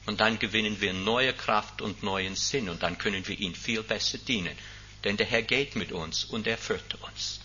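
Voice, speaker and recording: A man's voice: moderate pace, a little hiss or hum. Older male pastor, impassioned. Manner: impassioned, swings from loud emphatic peaks to quiet intimate lows. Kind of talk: sermon. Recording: dull lo-fi recording.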